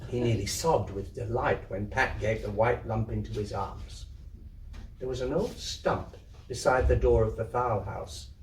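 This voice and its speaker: Reading a literary story aloud to an audience, this theatre troupe member speaks in a medium pitch and a little slowly, with dramatic, descriptive expression. The recording carries a slight hiss or hum, plus echo from the indoor community venue and a distant mic.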